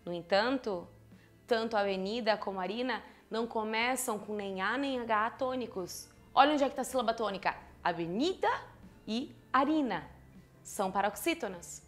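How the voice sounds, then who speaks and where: A young woman from teaching a lively online Spanish lesson, playful and chatty, asking herself questions and answering them. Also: a little high, moderate pace. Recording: faint background music.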